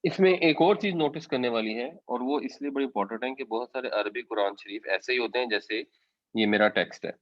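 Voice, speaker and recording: A man gives a patient, explanatory religious lesson at an ordinary middle pitch, dropping in English words as he goes. The recording is dry, with no room sound, and a little dull and muffled. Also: no room sound. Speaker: Quran teacher.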